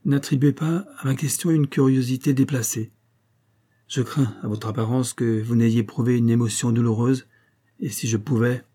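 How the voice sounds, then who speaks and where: A man's voice: mid-range voice, fairly even intonation, moderate pace, mellow, lightly acted. A man reading an audiobook, voicing a proud, cold young wife in a slightly raised voice. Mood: gentle. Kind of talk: audiobook character voice.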